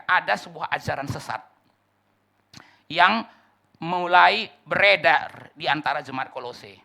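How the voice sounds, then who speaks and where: A male pastor preaching a sermon with animated delivery, shouting key words and dropping to quiet asides, acting out the voices of churchgoers. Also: sits high, vocal fry. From Indonesia. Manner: acts out congregants' voices.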